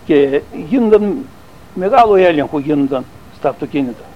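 Older man, fairly high voice, rambling oral-history teller, dull lo-fi tape. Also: lively intonation. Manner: rambling, halting, with restarts and fillers. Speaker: interviewee recalling army service.

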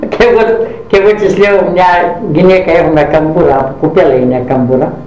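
A woman's voice: low-pitched, slight background noise. An older woman tells a family story from her past in an interview, acting out who said what. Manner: animated, acts out dialogue with many "she says" tags. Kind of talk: oral history storytelling. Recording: echoey dull lo-fi recording.

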